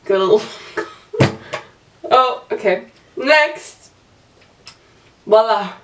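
A woman's voice: on the high side, expressive, drawn-out words, recorded from a distance, noisy background. A young woman giving a playful mock makeup tutorial at home, laughing often. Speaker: friend doing the challenge. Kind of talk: casual vlog chat. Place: small room at home, indoors.

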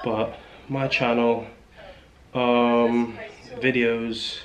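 A man's voice: medium pitch, little pitch movement, extremely slow, dull audio. A young man, rambling casually with slang and fillers in a small hotel room, filming on a handheld camera. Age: young adult. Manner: laid-back slangy rambling with repeated fillers. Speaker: vlogger. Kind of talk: casual vlog. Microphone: handheld camera at arm's length.

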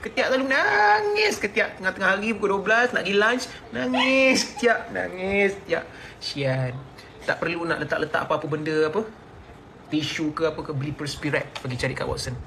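A man's voice: fairly high pitch, brisk, bright, forceful tone, slight background noise. Playful Malaysian man joking. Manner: playful, exaggerated, laughs often. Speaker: celebrity endorser. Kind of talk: comedic sponsored chat.

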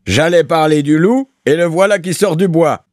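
A man's voice: mid-range voice, lively intonation, takes it slowly, dry recording, studio quality, pitched above the performer's own voice. Man doing a roaring, bullying landlord. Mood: scornful. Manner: roaring, demanding. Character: gruff bullying male landlord, loud and coarse.

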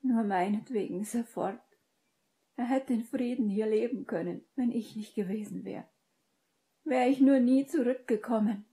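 A woman reading an audiobook and voicing a distraught, guilt-ridden young witch in a breathy, pleading whisper. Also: mid-range voice, unhurried, mellow, pitched above the performer's own voice, lightly acted. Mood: tearful.

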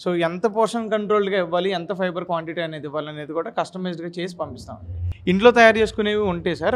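A young man interviewed in a restaurant, explaining his menu with fillers and English words mixed in, into a handheld mic. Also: high voice. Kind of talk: casual interview answers. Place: restaurant inside a gym, indoors. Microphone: handheld mic held by reporter.

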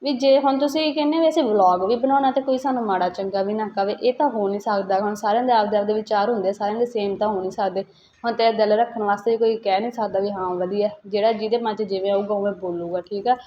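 A woman's voice: medium pitch, highs cut off, a little hiss or hum. A woman, hosting a roast video and lecturing vloggers in a scolding way. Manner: scolding, lecturing, rapid-fire. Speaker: roast channel host.

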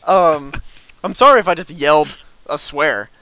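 A man's voice: a little high, moderate pace, sharp tone, slight background noise. A young man hosting a casual Minecraft video, rambling with lots of fillers and restarts as he shows off his build. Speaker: gaming video host.

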